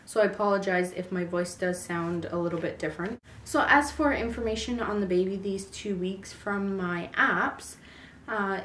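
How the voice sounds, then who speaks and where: A woman in her twenties, a vlogger with a raw, sore throat from a cold, chats casually through a pregnancy update full of ums. Her voice sits mid-range with a slight hiss or hum, captured by a distant mic in an echoey room.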